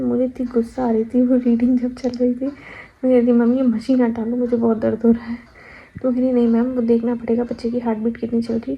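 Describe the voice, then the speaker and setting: A woman's voice: on the high side, vocal fry, breathy edge. A young woman vlogger, animatedly retelling a personal story in casual talk. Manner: animated retelling, acting out her own past cries. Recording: slightly dull lo-fi sound.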